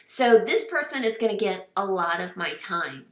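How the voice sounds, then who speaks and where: A woman's voice: medium pitch, sing-song, moderate pace, echoey room, distant mic. A woman in her thirties or forties, a team coach giving an earnest, encouraging recruiting talk with many fillers, getting teary at times. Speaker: fitness business team coach. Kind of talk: casual recruiting talk to camera.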